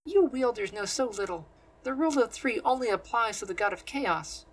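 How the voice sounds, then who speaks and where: A man voicing a sharp, scornful woman who leads a group of sorcery practitioners, speaking in clipped, dismissive retorts in an audiobook reading. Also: very high voice, lively intonation, moderate pace, pitched above the performer's own voice, rough recording.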